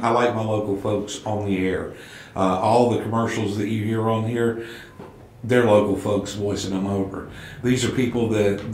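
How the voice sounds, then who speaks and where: A man's voice: on the low side, a little mellow, a little hiss or hum. Folksy Southern Appalachian man in echoey room. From southern United States. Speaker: local radio station owner being interviewed. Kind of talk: casual anecdotal interview talk.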